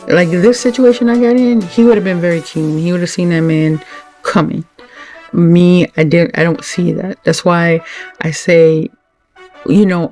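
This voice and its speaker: A woman with a gravelly, creaky voice talks straight to her viewers in a heartfelt thank-you. She speaks earnestly and with faith, often pausing and starting her sentences over. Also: on the low side, darkish tone. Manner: earnest and religious, halting with many fillers and restarts. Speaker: channel host, wife of the late channel owner.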